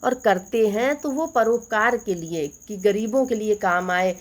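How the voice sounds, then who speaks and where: A woman teaching a Hindi poetry lesson, walking students through couplets line by line. She keeps asking rhetorical questions and then answers them herself. When she quotes a verse, she slows down and recites it deliberately. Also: mid-range voice. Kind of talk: exam-focused poetry lesson.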